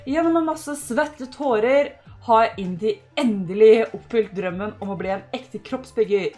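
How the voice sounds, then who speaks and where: A woman's voice: on the high side, a little mellow. Chatty Norwegian woman cheering her game. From Norway. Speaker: gaming YouTuber. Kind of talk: casual let's-play commentary. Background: faint game music.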